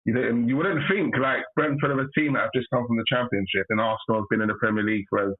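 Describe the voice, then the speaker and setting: A man's voice: medium pitch, fairly even intonation, fast, breathy edge. A man calling in, a dramatic and despairing football fan chatting casually. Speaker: caller. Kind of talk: casual football chat over a phone call. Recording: tinny phone line.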